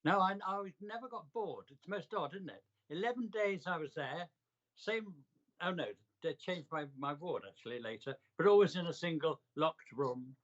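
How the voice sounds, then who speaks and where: An older man telling reflective personal stories in an interview, with a measured, emphatic delivery in short, deliberate phrases. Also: fairly high pitch, lively intonation, lo-fi sound. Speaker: interviewee recounting a hospital stay.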